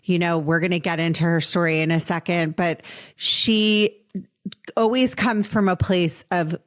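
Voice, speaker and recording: A woman's voice: on the low side, steady tone. A woman in her late twenties hosting a podcast interview, speaking earnestly and affectionately to her guest. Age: late 20s. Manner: earnest and affectionate, slow in emotional moments. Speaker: podcast host.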